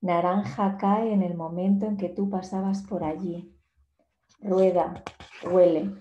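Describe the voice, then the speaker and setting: Over a video call on her laptop webcam, a poet in her forties gives a talk and reads poetry aloud with slow, unhurried care. Her voice is fairly low and mellow. The recording sounds muffled and echoey, with the roominess of a small bare room.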